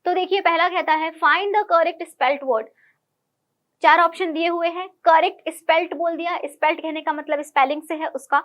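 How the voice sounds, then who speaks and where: High-pitched woman teaching exam English. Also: steady tone, moderate pace, lo-fi sound. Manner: patient, explanatory, repeats key words. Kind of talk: online lesson, explaining MCQs.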